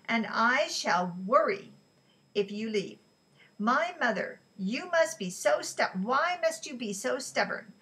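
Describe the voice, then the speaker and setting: A woman's voice: fairly high pitch, expressive, slow pace, pushed and bright, far from the mic, voice pushed up, exaggerated voice. A woman reading aloud who voices a worried grown son pleading with his mother, in a slightly raised voice. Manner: pleading, fussing. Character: anxious protective middle-aged son.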